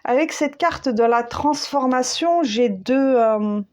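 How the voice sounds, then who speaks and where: Woman tarot reader, slightly high voice; unhurried and halting, talking to listeners as friends. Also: darkish tone. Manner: searching for words, many fillers, addresses listeners as friends; slow, soothing, repeats key phrases. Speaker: tarot and spiritual guidance reader. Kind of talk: spontaneous spoken guidance.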